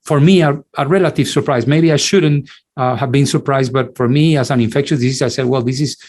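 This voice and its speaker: A middle-aged, mid-pitched man with a darkish tone gives an academic online lecture on infectious disease, his field as a physician. Originally from Cuba with Spanish as his first language, he speaks haltingly, often restarting and repeating words.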